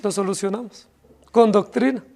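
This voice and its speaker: Before his church congregation, a Colombian pastor preaches an impassioned, pleading expository sermon, often dropping his voice low on key words. He speaks at a normal speed with a warm tone and fairly even intonation.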